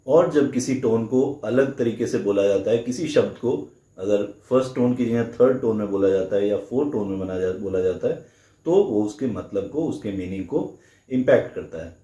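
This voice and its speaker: A male teacher explaining a language lesson at an unhurried pace, slowing down to show each sound clearly. His voice is dark and mellow, and it rings a little in an echoey room. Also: lowish voice, dull audio. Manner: slow, careful, demonstrates sounds aloud.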